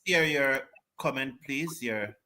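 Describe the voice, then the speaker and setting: A male host of a cricket panel show speaks slowly at medium pitch, in a pushed, bright voice. He's chatty during the panel discussion and often repeats his words as he begins a sentence.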